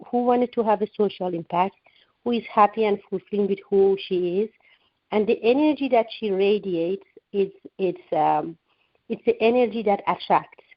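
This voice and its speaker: Heard on a dull, lo-fi phone line with no room sound, a medium-pitched woman answers a radio interviewer's questions. She is a guest author from Iran in her forties, speaking sincerely with frequent restarts and fillers.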